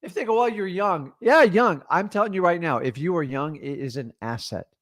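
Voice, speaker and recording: Recorded dry in a clean studio, a middle-aged real estate coach speaks in a high, a bit bright, animated voice at a moderate pace. His energetic talk on deals is emphatic, direct, and motivational.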